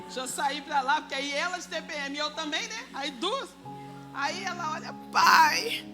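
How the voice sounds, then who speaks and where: A woman in her forties preaching a sermon in church, moving between soft asides and shouted declarations. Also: high voice, fairly quick, over music.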